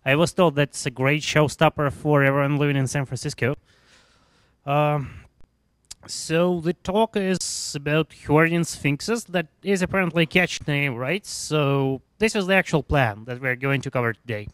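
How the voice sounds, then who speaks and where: A man's voice: on the high side, normal speed, a bit bright, clear, resonant tone. Russian-accented man giving a tech talk. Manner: chatty, wry, asks the room questions. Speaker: conference speaker. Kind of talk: technical talk to a live audience. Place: meetup room with an audience.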